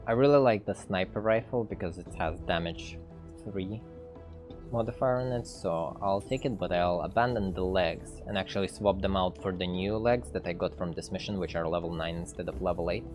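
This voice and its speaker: A man's voice: sits low, moderate pace, darkish tone, soft background music. A man, a game developer, casually commenting on a livestream as he plays, thinking aloud with fillers and reading game text. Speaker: game developer streaming gameplay.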